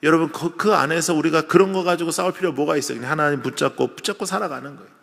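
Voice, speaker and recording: A man preaching a revival sermon in a conversational, animated way, acting out little scenes for the congregation, recorded in a large church. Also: fairly high pitch, racing, vocal fry. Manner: lively, conversational preaching with acted-out asides. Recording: long church hall reverb.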